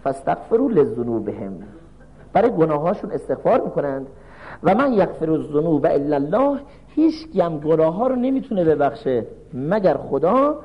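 A man preaching a sermon, reciting Arabic verses and explaining them through animated storytelling with acted voices. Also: a little high, breathy edge, muffled recording.

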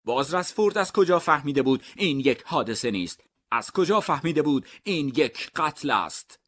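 A man narrating comic mystery stories in a deadpan, even storytelling manner. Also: a little high, slight background noise.

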